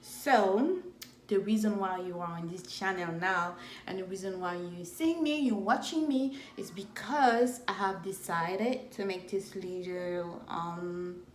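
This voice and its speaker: A Cameroonian event planner and entrepreneur in her thirties, whose first language is French, records a casual vlog on her phone in an echoey room. She speaks English slowly and deliberately in a mid-range voice with a strong Cameroonian French accent, and there's slight background noise.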